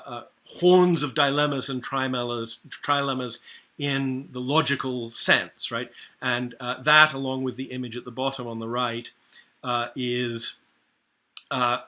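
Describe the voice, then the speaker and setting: Bright-voiced hesitant male lecturer. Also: mid-range voice. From Scotland. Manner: hesitant, many filler sounds and tag questions. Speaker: university lecturer. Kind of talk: university lecture.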